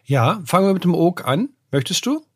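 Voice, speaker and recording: A man's voice: high-pitched, fairly quick, breathy edge, no echo, studio quality. An older man, a name researcher and professor, explaining word origins in a podcast, with many "ne?" tags and filler sounds. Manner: lecturing, often adds "ne?" and "äh", lively rises.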